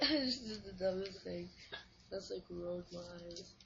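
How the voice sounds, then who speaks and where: A woman's voice: lowish voice, measured pace, creaky, background noise. A woman chatting casually with a teasing, giggly manner. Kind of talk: casual chat. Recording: muffled with loud music behind.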